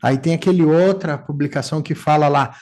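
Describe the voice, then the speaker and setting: A man's voice: on the high side, fairly quick. A man in his forties with a gaúcho accent from southern Brazil, telling personal stories in casual talk and acting out quotes. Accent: Gaúcho Portuguese. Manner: storytelling, animated, acts out quotes. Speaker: neuropsychoanalyst.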